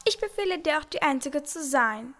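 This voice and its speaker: A woman's voice: high voice, expressive, moderate pace, a bit bright. A woman voicing a bossy, pompous queen who rules a tiny planet, giving orders in a radio play. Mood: pompous, commanding. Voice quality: pompous, commanding. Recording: music playing underneath.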